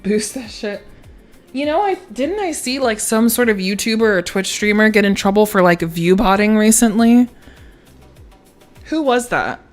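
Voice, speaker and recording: A woman's voice: medium pitch, lively intonation, normal speed, soft background music. A woman streamer chatting casually on a livestream, swearing freely and often breaking into laughter. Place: standing at a home streaming setup.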